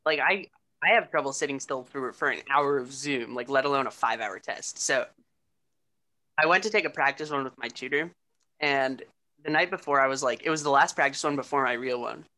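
A woman's voice: extremely low pitch, fairly quick, sharp tone. A teenage girl hosting a student podcast, telling a story in casual chat with many restarts. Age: teens. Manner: rambling, full of restarts and "like". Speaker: podcast host.

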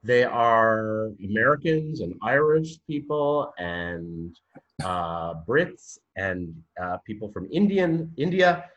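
A Canadian man with a Canadian accent, a university programme director, is a guest on a podcast interview. His lowish, fairly bright voice starts slow and hesitant, with many fillers and restarts, then grows very animated as he tells his story, all on a lo-fi recording.

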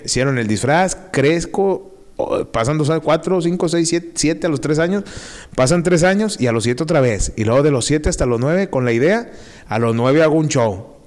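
A man's voice: a little high, moderate pace. A young man with a northern Mexican accent casually telling childhood stories on a podcast, full of slang and acted-out quotes. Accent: northern Mexican, Monterrey. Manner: slangy, animated, acts out quotes. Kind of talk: casual storytelling.

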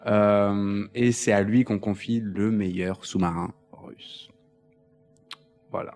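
A man's voice: fairly low pitch, slow. Joking male film podcaster. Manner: joking, deadpan asides, rambling explanations. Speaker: podcast co-host. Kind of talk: casual film chat, partly read from notes.

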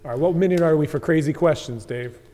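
A man's voice: a little high, quick pace, warm tone. A man in his forties hosting a podcast, upbeat as he reads out questions to his guests. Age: 40s. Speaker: podcast host. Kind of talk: casual interview chat. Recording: echoey room with faint hum.

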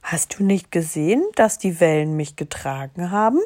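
A woman voicing a clever little hare in a storybook read aloud, brisk and cheeky. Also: lowish voice, lively intonation, mellow, dry recording, clean studio sound.

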